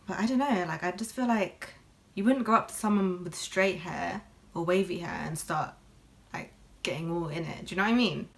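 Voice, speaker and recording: A young beauty vlogger with a fairly low, gravelly voice talks at normal speed while doing her makeup. Her casual get-ready-with-me chat is candid and full of fillers.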